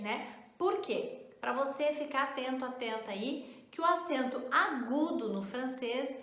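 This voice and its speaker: A woman's voice: a little high, fairly bright tone. Patient woman teaching in an echoey room. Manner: explains patiently, checks in with "né?" and "tá?", slows down to model pronunciation. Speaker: French teacher. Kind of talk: casual spoken lesson.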